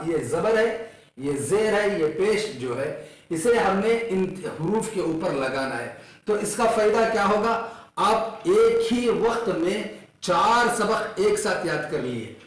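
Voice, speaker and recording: A high-voiced man teaching the letters of Quran recitation at an unhurried pace. He explains where each sound is made and repeats the letter again and again for learners. The recording carries a heavy echo from the room. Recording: very echoey room.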